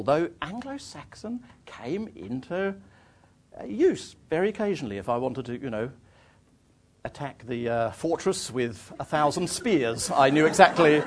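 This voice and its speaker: Male raconteur for a live talk: animated, self-mocking, loose and digressive. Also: fairly high pitch. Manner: self-deprecating, rambling with fillers. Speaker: storyteller speaking to an audience. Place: in front of a live audience.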